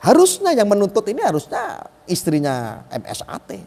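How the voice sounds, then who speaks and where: A man's voice: sits high, huge pitch swings, moderate pace, gravelly, a little mellow, big-room sound. A middle-aged man giving emphatic live-stream commentary, asking rhetorical questions and acting out quoted voices.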